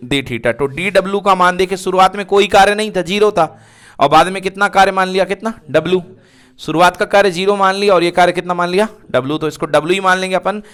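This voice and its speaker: A male physics teacher runs a fast revision lesson in a call-and-response rhythm, asking a question and then supplying the answer himself. His voice sits high and rings clear and smooth. He drills the key terms again and again in a colloquial way. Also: fairly bright tone.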